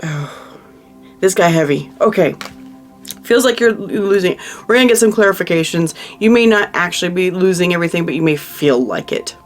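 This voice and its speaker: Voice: medium pitch, animated, fairly quick, faint music behind. Emotional tarot reader thinking aloud. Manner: thinks aloud while turning cards, emotional and consoling; frequent restarts and trailing-off phrases. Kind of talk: monthly tarot reading, talking to the viewer.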